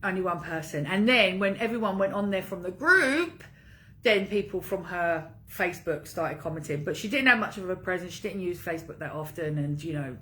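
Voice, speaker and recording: Bright-voiced woman coach, casual and emphatic. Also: fairly low pitch, lively intonation, fairly quick. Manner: informal pep-talk address with emphatic repetition. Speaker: coach leading an online group challenge. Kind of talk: casual livestream coaching talk.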